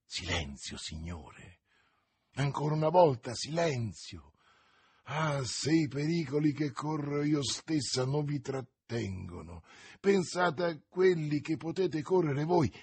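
A man's voice: a little high, lively intonation, takes it slowly, darkish tone, husky, no room sound, pitched above the performer's own voice, exaggerated voice. Man voicing a secretive, earnest young woman. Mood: urgent. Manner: pleading, serious. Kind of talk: audiobook reading.

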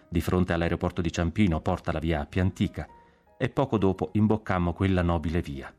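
A man narrating a literary audiobook in a measured, expressive reading. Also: low voice.

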